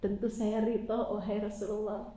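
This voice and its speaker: Brief: tearful grieving mother, voiced by a woman, hushed and soft, echoey room. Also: medium pitch, level tone, moderate pace, voice pushed down, natural voice. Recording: roomy echo.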